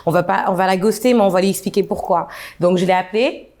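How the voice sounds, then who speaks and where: Young woman, casual storyteller, animated delivery, mid-range voice. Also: mid-range voice, quick pace. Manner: animated, acts out quoted dialogue with laughs.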